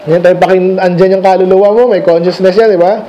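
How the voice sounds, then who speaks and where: High-voiced man preaching a conversational sermon. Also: little pitch movement, quick pace, warm tone, lo-fi sound, a little hiss or hum. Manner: conversational, asks the congregation questions; mixes English phrases into his speech. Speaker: pastor. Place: church sanctuary.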